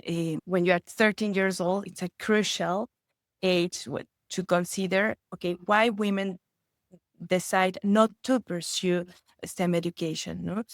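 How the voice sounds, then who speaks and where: A Spanish-speaking woman appears as a guest expert in a conversational podcast interview. Her fairly low voice is earnest, with frequent restarts and growing excitement, and the recording is studio quality with no echo.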